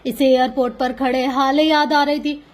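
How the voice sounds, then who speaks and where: High-voiced woman reading a novel. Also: level tone, normal speed. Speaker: novel reader.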